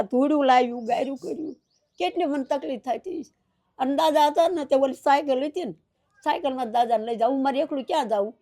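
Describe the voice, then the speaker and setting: Crying older woman, high voice. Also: a little mellow. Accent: rural Saurashtra Gujarati. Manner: grieving, repeats "what can I do?". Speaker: interviewee. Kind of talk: tearful personal account.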